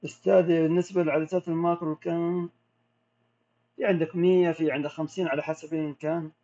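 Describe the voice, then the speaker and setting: Man, Gulf Arabic accent, slightly high voice, casual Q&A, muffled lo-fi sound. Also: fast talker. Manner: relaxed, explanatory, reads questions aloud. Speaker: macro photographer answering viewer questions. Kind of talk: casual live Q&A. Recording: dull lo-fi audio.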